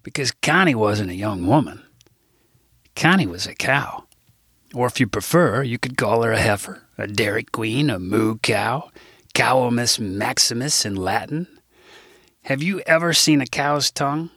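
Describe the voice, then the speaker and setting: Man, author narrating his comic audiobook, bright forceful tone, dry close mic, wry asides. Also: mid-range voice, lively intonation, measured pace, slightly rough, dry recording. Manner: wry, irreverent asides to the listener. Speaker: author reading his own book.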